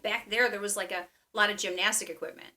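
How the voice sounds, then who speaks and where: A woman's voice: mid-range voice, fairly even intonation, quick pace, sharp tone, slight background noise. A woman telling the story of a recurring dream in a chatty way, full of fillers. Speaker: dreamer guest. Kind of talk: conversational storytelling.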